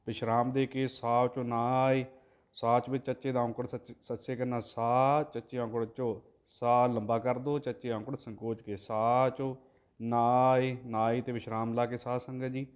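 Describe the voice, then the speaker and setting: A man teaching careful recitation of scripture, chanting each verse slowly and loudly, then quietly explaining the pronunciation of each syllable. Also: medium pitch, little pitch movement. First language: Punjabi. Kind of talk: line-by-line recitation lesson.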